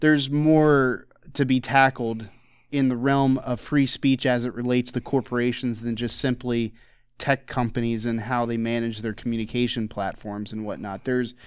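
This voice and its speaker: A man's voice: mid-range voice, fairly even intonation, moderate pace, clear, resonant tone, dry recording, studio quality. A man co-hosting a casual podcast, rambling through his points with lots of fillers and restarts. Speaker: podcast co-host. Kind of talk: casual conversational podcast chat.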